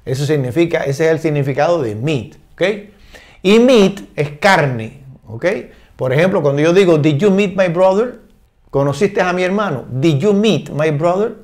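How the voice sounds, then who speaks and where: An older man explaining English words in Spanish, patient and repetitive, slowing down to read English examples and often checking understanding. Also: a little high, lively intonation, darkish tone. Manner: reads English examples slowly and deliberately. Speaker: English teacher.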